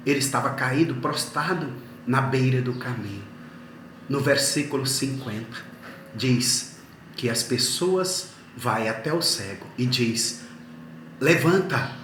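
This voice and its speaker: A man preaching a sermon at an unhurried, deliberate pace, with a medium-pitched voice. His words ring in a roomy, echoing space, and a faint ambience sits behind him. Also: a bit bright, a little hiss or hum. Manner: slow, earnest storytelling. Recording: echoey room.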